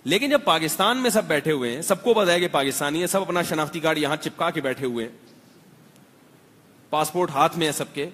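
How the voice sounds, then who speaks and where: A man's voice: fairly high pitch, expressive, fairly bright tone. A middle-aged man from Pakistan, an Islamic scholar giving a religious lecture to a seated audience, talking conversationally with rhetorical questions and wry humor. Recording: long hall reverb.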